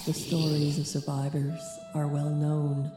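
A woman's voice: deep voice, fairly even intonation, slow pace. A woman playing an ominous narrator in the dramatic introduction of an audio drama. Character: ominous narrator of a post-apocalyptic undead world. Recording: echoing, with music behind.

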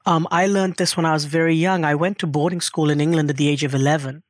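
A woman's voice: low-pitched, fairly even intonation, fast, no echo, studio quality. A middle-aged woman in earnest, reflective conversation, with frequent asides. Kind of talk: conversational interview.

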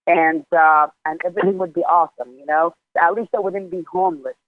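Twenties guy from jordan on a phone line, highish voice, blunt swearing storyteller. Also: steady tone, a little fast, dry recording, soft background music. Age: 20s. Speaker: guest. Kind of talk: casual interview.

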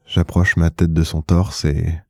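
A man narrating an intimate first-person story slowly and in a hushed, measured way, close to the mic. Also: extremely low pitch, little pitch movement, vocal fry, dry recording. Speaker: podcast host and narrator.

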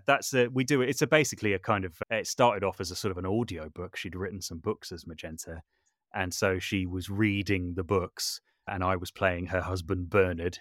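A man with a low, slightly bright voice speaks as a podcast guest, an audio drama maker and voice artist. He explains things in a casual, conversational interview style. The studio-quality recording has no room sound.

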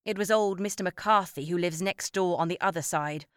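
A woman narrating a children's story with an expressive read-aloud manner. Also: on the low side, moderate pace, dry recording, clean studio sound. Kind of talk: storybook reading.

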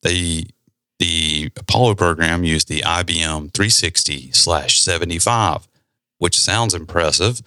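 A man hosting a podcast, explaining a topic in a relaxed, conversational way with side remarks. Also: sits low, a little slow, dry recording. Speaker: podcast host. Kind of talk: casual explanatory talk.

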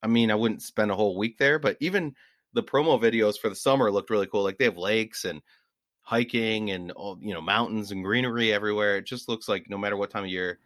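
Low-voiced man telling rambling travel stories. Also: fairly quick, fairly bright tone, no echo, clean studio sound. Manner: rambling storyteller, laughs at own stories. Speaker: podcast co-host. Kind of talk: casual travel chat.

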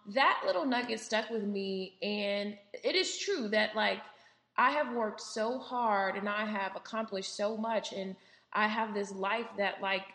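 A woman talks through her solo podcast in a candid, conversational way, full of fillers and little asides. Her voice sits at a middle pitch and carries the ring of a roomy, echoing space. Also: a bit bright. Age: 30s. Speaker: podcast host. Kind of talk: casual solo podcast monologue. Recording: roomy echo.

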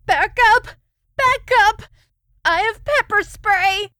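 A woman's voice: extremely high pitch, very animated, slow pace, fairly bright tone, pitched above the performer's own voice, exaggerated voice. A woman doing a terrified young caller. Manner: panicked, pleading.

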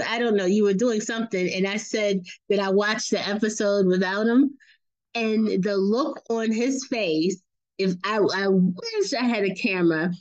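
A woman's voice: mid-range voice, rough recording. A woman chatting casually as a podcast guest, laughing often and acting out quotes in a raised voice. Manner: animated, laughing storyteller who acts out quotes in a raised voice. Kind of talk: casual family chat.

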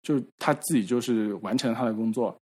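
Guy with a kinda husky voice, mid pitch, chatting on a podcast, retelling a story with lots of stop-start repeats. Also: darkish tone. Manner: storytelling with acted-out quoted dialogue; frequent halting repeats. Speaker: podcast regular. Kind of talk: casual chat.

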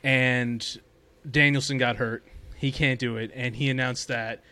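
Mid-pitched man rambling through podcast news. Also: steady tone, a little slow, bright, forceful tone. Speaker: podcast host. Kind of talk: casual chat about wrestling news.

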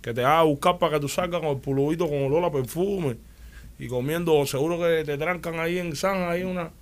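A man's voice: a little high, brisk. A man with a Cuban Spanish accent recounts his experiences in a casual conversational interview. He talks animatedly, restarts his sentences often and keeps checking in with his listeners. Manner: animated storytelling, frequent restarts and "¿me entiendes?". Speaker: interview guest.

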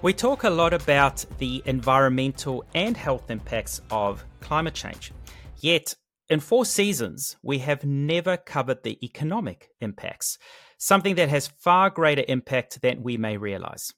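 A man hosting a podcast, opening the show and asking measured, friendly questions. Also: mid-range voice, sing-song, fairly bright tone, soft background music. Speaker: podcast host.

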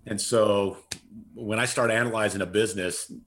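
A man's voice: on the low side, fairly even intonation, normal speed, fairly bright tone. A middle-aged man answering interview questions as a guest, earnest and emphatic, repeating his key phrases. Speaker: interview guest, customer service consultant.

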